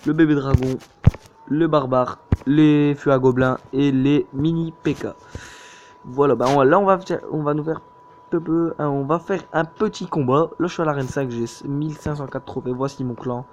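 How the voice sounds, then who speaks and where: A man's voice: mid-range voice, darkish tone. A young man, commenting casually on his gameplay, hesitant and full of fillers. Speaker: gaming YouTuber. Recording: dull lo-fi mic with faint noise.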